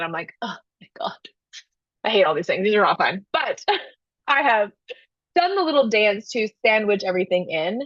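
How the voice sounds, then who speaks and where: A woman's voice: mid-range voice, fairly bright tone, no room sound. A young adult woman speaks as a podcast guest, candid and reflective. She voices her own inner thoughts as quotes while she talks things through. The sound is dry and a little dull, with the top end rolled off. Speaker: podcast guest, business owner. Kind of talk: casual podcast conversation.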